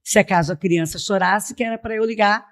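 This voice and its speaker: A middle-aged woman from Piracicaba, in São Paulo state, Brazil, speaks in a mid-range voice at a fairly quick clip. She is a missionary appearing as a podcast guest, giving a personal testimony in a conversational interview and frequently checking in with "né?".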